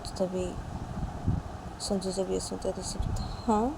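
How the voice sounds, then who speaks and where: A woman's voice: lowish voice, completely flat delivery, a little slow, gravelly. A woman telling a story casually and conversationally, narrating episode events. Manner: conversational, repetitive. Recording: noisy, traffic noise behind.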